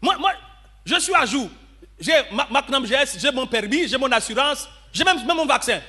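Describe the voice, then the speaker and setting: A man preaching a storytelling sermon in church, acting out dialogue and swinging between shouting and low murmurs. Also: lively intonation, normal speed, slightly rough. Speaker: pastor.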